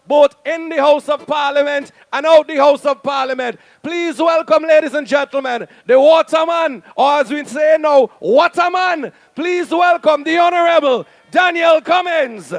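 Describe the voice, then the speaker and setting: A man emceeing a political rally, hyping the crowd and shouting out speakers' introductions. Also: very high voice. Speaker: master of ceremonies.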